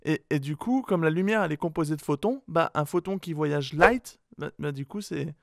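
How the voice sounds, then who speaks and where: A man telling a pun and then explaining it haltingly, with stammering over-explanation. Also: fairly high pitch, creaky. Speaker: guest comedian. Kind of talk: deadpan joke explaining.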